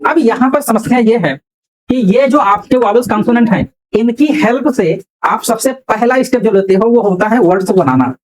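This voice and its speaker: A man's voice: sits high, moderate pace, poor audio. A man teaching English pronunciation in a classroom, often asking the class questions and repeating their answers. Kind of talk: classroom lecture.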